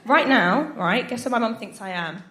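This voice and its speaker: A woman in her twenties does stand-up at a live comedy night, her voice a bit high, pushed and bright at a moderate pace. She chats with the audience using lots of tag questions and giggles with snorts, all captured in an echoey venue with background noise.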